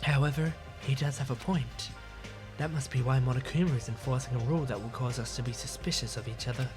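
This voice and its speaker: Picture a level-headed young male student from a video game, thinking the situation through in a calm, reasoning tone, read by a player in their own voice. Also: mid-range voice, fast, music in the background, natural voice. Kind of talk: reading game dialogue aloud.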